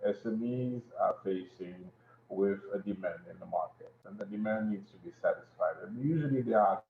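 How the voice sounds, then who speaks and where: A man's voice: lowish voice, normal speed, creaky. A man speaking as a panelist over a video call, his audio breaking up on a weak connection. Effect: audio breaking up on a weak online connection. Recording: tinny echoey video call line with faint noise.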